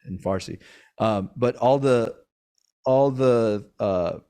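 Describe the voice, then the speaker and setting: Speaking slowly in a mellow, clear, resonant voice of medium pitch, a podcast host conducts an interview in Sacramento, California. Iranian-born and Maryland-raised, he rambles casually with plenty of fillers and restarts.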